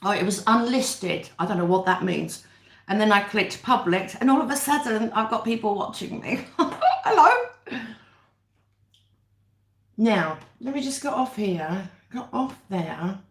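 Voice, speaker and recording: A livestream host with a British accent eats her dinner on camera mukbang-style while chatting casually with viewers. Her mid-range voice is animated and moderately paced, and the room has an echo.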